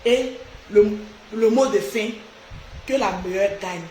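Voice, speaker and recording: A woman's voice: medium pitch, takes it slowly, a little mellow. A woman hosting a casual live stream, talking outspokenly and animatedly straight to her viewers. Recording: echoey room with faint noise.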